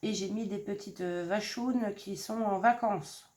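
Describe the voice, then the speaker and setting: A woman from Normandy in France, casually showing her handmade crafts in a gentle, hesitant way with many fillers. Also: medium pitch, steady tone, a little slow. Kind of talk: casual craft show-and-tell. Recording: roomy echo, faint background noise.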